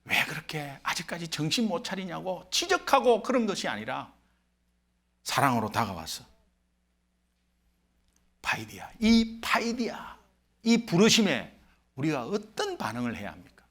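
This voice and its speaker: A male pastor, from Korea, preaching a sermon in a church sanctuary with emphatic delivery that swings between loud and hushed. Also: a little high, huge pitch swings, normal speed, pauses often.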